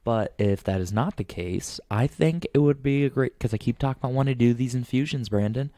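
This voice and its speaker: A young man co-hosting a casual podcast, rambling and animated, with lots of fillers. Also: mid-range voice, fairly quick, no echo. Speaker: podcast co-host. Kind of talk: casual chat.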